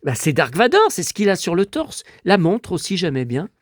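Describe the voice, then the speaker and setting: A man in his fifties with a slightly high voice, hoarse from a lingering cold. He chats in a rambling, nostalgic way, full of little asides, as he shows off his collection at home. The sound is dry and close, with no room echo. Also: huge pitch swings, normal speed. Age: 50s. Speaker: collector showing his memorabilia. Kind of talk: casual collection show-and-tell.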